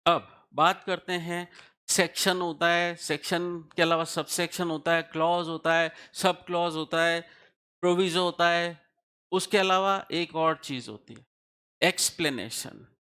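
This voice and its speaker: Slow, high-voiced male tax lecturer. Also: fairly even intonation, pushed and bright, clear, resonant tone. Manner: explains step by step, often asks the class questions and checks understanding. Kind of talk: classroom lecture.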